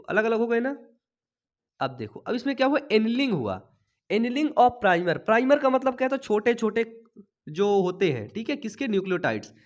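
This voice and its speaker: A young man teaching a biology lesson for board exams, chatty, quizzing students and answering himself, with a cold that keeps him coughing. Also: high-pitched.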